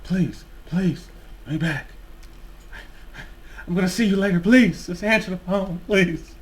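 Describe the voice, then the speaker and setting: A desperate young ex-boyfriend, as a man puts him on, begging in a whiny voice pushed far above his usual pitch. His pleading is drawn out and slow.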